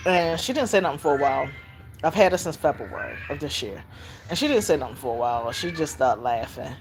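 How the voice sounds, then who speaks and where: An older woman, telling stories about raising her granddaughter in a casual, animated way, jumping into high squeals when she acts out voices. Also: brisk, faint music behind. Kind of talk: casual storytelling vlog.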